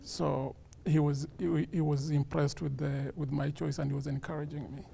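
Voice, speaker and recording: Gravelly-voiced man from Kenya. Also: fairly high pitch, level tone, mellow. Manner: measured, hesitant with many fillers. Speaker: interview guest, police sergeant. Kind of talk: casual interview talk.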